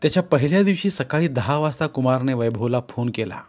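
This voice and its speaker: A man narrating a novel aloud in a steady storytelling manner. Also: medium pitch, fairly quick. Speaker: audiobook narrator. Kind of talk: scripted narration.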